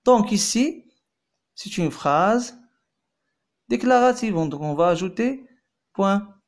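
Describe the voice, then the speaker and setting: A man teaching French grammar, explaining and repeating phrases slowly, then translating into Arabic. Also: high-pitched, expressive, creaky. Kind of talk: bilingual grammar lesson.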